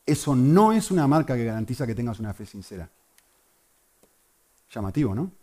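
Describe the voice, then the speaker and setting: A man preaching a sermon to a congregation, swinging between loud emphasis and hushed asides. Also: mid-range voice, sing-song, brisk.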